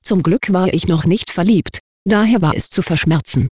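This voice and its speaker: A reader giving a scripted first-person narration of a confession in an even, matter-of-fact way. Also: mid-range voice, moderate pace, slightly rough, no room sound, clean studio sound.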